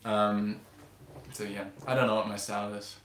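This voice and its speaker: A man's voice: on the low side, flat delivery, normal speed. Young guy rambling on his livestream, lots of ums, echoey room. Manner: rambling, hesitant with many ums. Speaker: live stream host. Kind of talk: casual live stream chat. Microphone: camera-mounted mic. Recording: roomy home recording with faint hiss.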